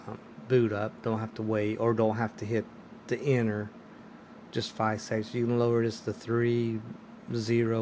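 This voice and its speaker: A man's voice: on the low side, background noise. A man hosting a casual screen-recorded tech tutorial, hesitant and full of ums and restarts. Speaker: tech video host.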